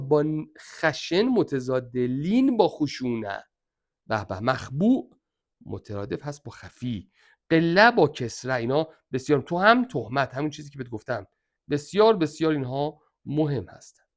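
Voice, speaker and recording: Gravelly male teacher stressing key points. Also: a little high, big pitch swings. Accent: Iranian Persian. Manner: emphatic, repeats "very important" often. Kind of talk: exam review lesson.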